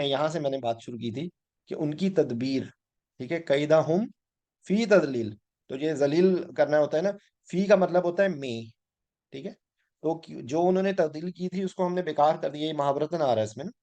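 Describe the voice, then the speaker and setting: A man's voice: a little high, dark tone. A man teaching a weekly Quran class, patiently explaining grammar and often checking "ठीक है?" as he mixes in English words.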